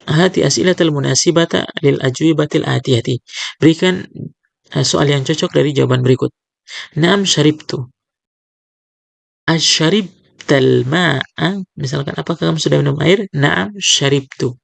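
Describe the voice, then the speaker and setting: A man explaining a lesson as a teacher, reading sentences slowly, then translating them and checking with the listener. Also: on the high side, creaky, no echo. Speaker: Arabic teacher.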